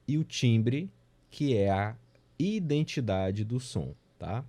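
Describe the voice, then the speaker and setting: Mellow-voiced male music teacher lecturing. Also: medium pitch, animated, takes it slowly. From Brazil. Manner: explanatory, counts beats aloud, frequent "né?" tag questions. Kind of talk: remote lecture. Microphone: remote class recording.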